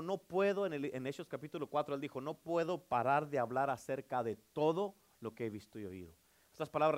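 A man, a pastor preaching a sermon, calling out amen often and swinging between loud declarations and hushed passages. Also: on the high side.

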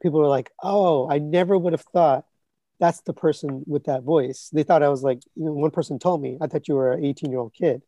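This podcast guest, a collectibles reviewer in his thirties or forties, talks briskly in a rambling, casual way packed with fillers and restarts. The scratchy voice is on the high side with a dark tone, captured in a dry recording.

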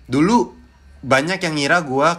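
A man, a guest chatting casually on a podcast, animated and switching between languages. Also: fairly high pitch, unhurried, slight background noise. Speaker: guest impressionist.

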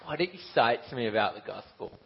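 Husky young man preaching in a church. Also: medium pitch, lively intonation, moderate pace, dull audio. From Ukraine. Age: 20s. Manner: self-deprecating and laughing, with many restarts. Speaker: Bible college student preaching. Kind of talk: interview then sermon. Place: church stage.

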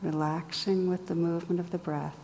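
A meditation teacher guides a session in a soft, gentle voice that stays low, even and unhurried. She leaves long pauses between phrases, and a long reverb trails her words above a faint ambient hum.

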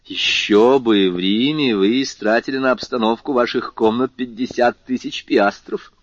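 A man voicing a lively, teasing young viscount in an audiobook, with a high, exclamatory delivery. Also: moderate pace, natural voice. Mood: excitable. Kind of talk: audiobook character voice. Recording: slightly muffled lo-fi recording.

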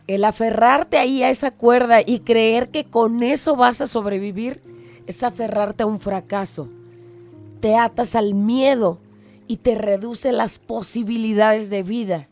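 A woman's voice: on the high side, measured pace, long pauses, a little mellow, soft background music. A woman hosting a show and telling a moral reflection story in an earnest, dramatic way. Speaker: radio host.

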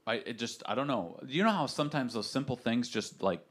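A man's voice: medium pitch, lively intonation, a little fast, breathy edge. A man co-hosting a podcast, talking casually and reflectively, with frequent hesitations and restarts. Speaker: podcast co-host. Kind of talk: casual faith podcast chat.

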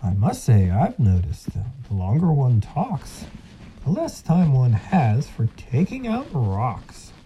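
A man's voice: medium pitch, huge pitch swings, slow, mellow, slight background noise. A man voicing a clever, boastful male fox in a rhyming storybook, confident and sing-song. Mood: self-satisfied.

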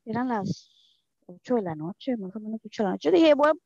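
A woman's voice: expressive, brisk, vocal fry, a little mellow, no room sound. A woman from Mexico with a Mexican Spanish accent, recounting a personal story in an interview, emotional and often repeating phrases for emphasis. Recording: dull, dry low-fidelity recording.

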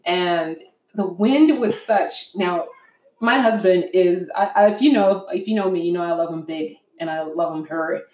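A young woman chatting casually with her husband, telling stories with lively acted-out voices and frequent laughter. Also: fairly low pitch, moderate pace, distant mic. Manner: animated storyteller, acts out voices, laughs often. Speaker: co-host of a couples talk show. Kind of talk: casual chat. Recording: roomy sound, off mic.

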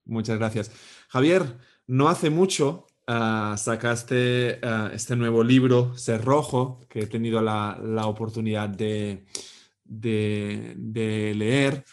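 A man's voice: lowish voice, fairly even intonation, takes it slowly. A man hosting an interview, speaking with frequent fillers and repeated words. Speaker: host.

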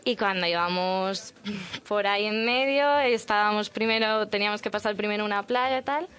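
A woman's voice: medium pitch, normal speed, smooth, soft background music. Woman telling a travel story. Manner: lively anecdote telling, many fillers. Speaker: guest storyteller. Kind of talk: casual radio chat. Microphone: radio studio mic.

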